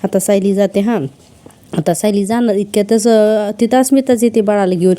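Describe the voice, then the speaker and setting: A woman's voice: mid-range voice, fairly even intonation, moderate pace, mellow. A woman retelling a TV serial episode scene by scene, reading out each character's lines.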